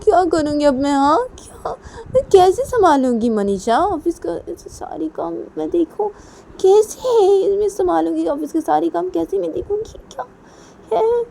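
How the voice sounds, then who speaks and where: A woman's voice: medium pitch, expressive, moderate pace, dark tone, a little hiss or hum, pitched above the performer's own voice, natural voice. A woman voicing a stressed young woman who keeps firing off exasperated questions. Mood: distressed.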